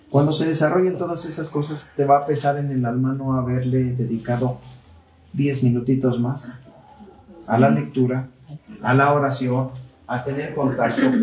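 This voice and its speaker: With a mid-range, slightly mellow voice, a Torah study teacher preaches to those present, inviting answers and repeating phrases for emphasis. He sits far from the mic in an echoey room.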